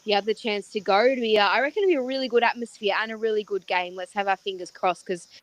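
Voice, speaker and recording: A woman's voice: mid-range voice, quick pace, rough recording. A woman with an Australian accent, a guest chatting casually about football on a podcast. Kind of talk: casual footy chat.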